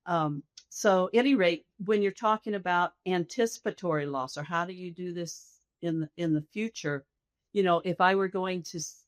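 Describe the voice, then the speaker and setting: A middle-aged woman, a hospice nurse practitioner, author and guest, is interviewed and explains things in an earnest, reflective, instructive way, illustrating her points with quoted self-talk. Her voice sits on the low side and moves at normal speed, and the recording is dry.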